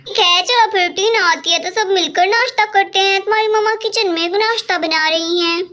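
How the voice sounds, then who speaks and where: A woman voicing a calm, caring father doll in a storytelling video, speaking reassuringly. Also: very high-pitched, a little fast.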